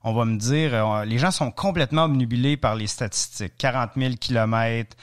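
A Franco-Ontarian man in his thirties from Eastern Ontario, Canada, guests on a casual podcast interview, his French accent audible in a mid-range voice. He tells stories in a chatty, joking way, often pausing with fillers and hesitations.

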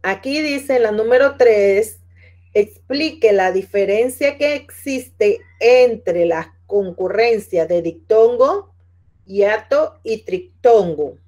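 A woman's voice: medium pitch, lively intonation, slow, darkish tone. A woman teacher giving patient class instructions, repeating each point and speaking to her students by name. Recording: dull lo-fi audio.

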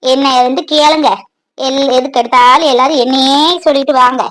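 A woman's voice: high voice, fairly even intonation, a little fast, fairly bright tone. A woman voicing a defensive village woman in a cartoon, drawling and grumbling. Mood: sulky. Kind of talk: cartoon voice acting.

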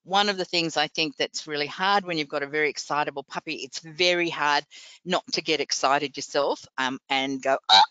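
Bright, clear-voiced woman vet. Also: low voice, moderate pace, dry recording. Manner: chatty, encouraging, practical. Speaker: veterinarian presenter. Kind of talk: webinar Q&A answer. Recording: dull lo-fi web call audio.

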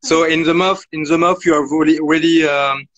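A man's voice: on the high side, fairly even intonation, fairly quick, a bit bright. Man with on a glitchy, cutting-out call. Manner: hesitant, many fillers and restarts. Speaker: cellar master guest. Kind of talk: interview over video call. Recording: muffled lo-fi call audio.

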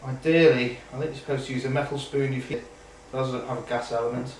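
In his kitchen at night, a man in his thirties hosts a casual home cooking show, chatting as he cooks at the stove. He speaks fast in a mid-range voice with a steady tone. A camera mic across the room gives roomy, distant sound with slight background noise.

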